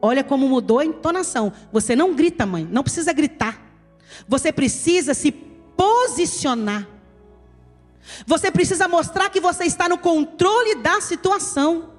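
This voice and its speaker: Brazilian lady pastor preaching, really high voice, emphatic, long church echo with soft music under it. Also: lively intonation, normal speed. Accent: Brazilian Portuguese. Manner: emphatic, addresses listeners as "querido". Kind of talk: sermon. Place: church hall.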